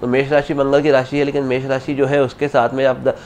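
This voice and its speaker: A man's voice: medium pitch, level tone, brisk, a little mellow, slight background noise. A man speaking as an astrologer guest in an interview, explaining at length with many restarts and cut-off words. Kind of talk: unscripted interview answers.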